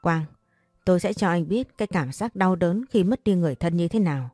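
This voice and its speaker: A woman's voice: fairly low pitch, expressive, a little fast, warm tone, no room sound, studio quality, soft background music. A woman voicing a vengeful young mistress of the house who gives firm, cold orders in an audio story. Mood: commanding.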